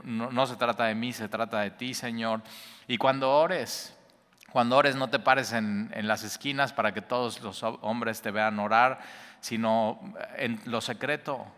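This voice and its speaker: Mexican male pastor, bright clear voice, casual animated preaching, long church-hall reverb. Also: mid-range voice. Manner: casual and animated, colloquial asides, acts out little quoted reactions. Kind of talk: conversational sermon.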